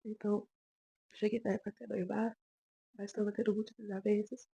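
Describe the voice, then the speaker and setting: A woman's voice: medium pitch, flat delivery, fairly quick, vocal fry, slightly rough. A young Brazilian woman telling her personal faith testimony, her voice rising with emotion as she tells the story. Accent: Brazilian Portuguese. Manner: emotional storytelling, voice rising and getting loud when moved. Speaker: churchgoer giving testimony.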